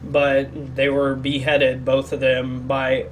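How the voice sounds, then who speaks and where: Ill and quieter than normal, a male podcast co-host rambles through a casual, opinionated talk, frequently groping for words. He speaks slowly in a monotone, mid-range voice. The rough recording has a little hiss or hum.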